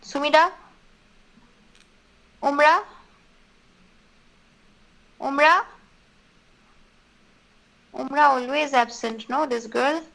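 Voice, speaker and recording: Woman teacher, online class, fairly high voice, encouraging, repeats prompts. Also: drawn-out words, vocal fry, pauses often, bright, forceful tone, poor audio. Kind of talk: online class drilling students.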